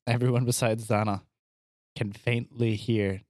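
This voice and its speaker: A man's voice: mid-range voice, flat delivery, a little slow, a little mellow, no echo, studio quality. A man narrating and asking questions as game master of a tabletop game.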